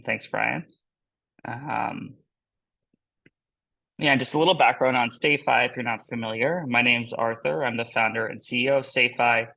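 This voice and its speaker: A man, a company founder, hosting and presenting a business webinar in an upbeat, pitch-style delivery. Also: pushed and bright, low-quality recording.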